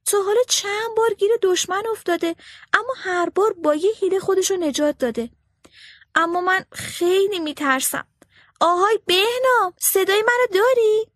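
A woman's voice: very high voice, dry recording, clean studio sound, voice pushed up. A woman voicing an anxious, devoted myna bird who frets over a boy, in a storybook reading. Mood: worried. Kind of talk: storybook character voice.

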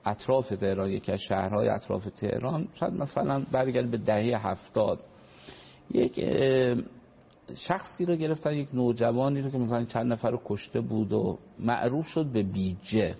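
A man's voice: mid-range voice, gravelly, breathy edge. A man, a family counselor explaining parenting on a radio talk show, earnest and full of examples. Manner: earnest, explanatory, uses examples and polite formal phrases. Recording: dull lo-fi radio broadcast.

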